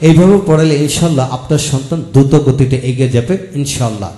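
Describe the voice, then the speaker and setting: A man teaching English pronunciation in a video lesson, slowly spelling out words letter by letter and repeating each one. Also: medium pitch, mellow, roomy sound. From Bangladesh. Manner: slow, patient, repeats each word twice.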